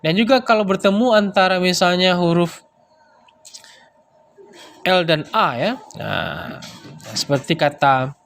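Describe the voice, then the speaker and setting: A man giving a relaxed lecture, explaining step by step and filling pauses with little words. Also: high-pitched. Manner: explains with many fillers like "nah" and "ya". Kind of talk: casual lecture.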